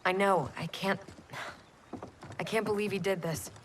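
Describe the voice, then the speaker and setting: A woman plays a troubled young soldier in a dramatic video game. She speaks informally at a middle pitch, earnest and insistent. A light ambience runs behind her. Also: fairly even intonation, measured pace, background noise, close to an everyday voice. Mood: troubled, urging.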